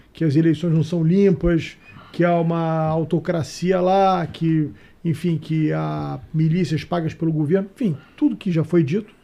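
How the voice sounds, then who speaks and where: Gravelly-voiced Brazilian man debating. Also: on the high side, mellow, dull audio. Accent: Brazilian Portuguese. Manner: sarcastic, mocking voices of others. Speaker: panelist. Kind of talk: political debate talk.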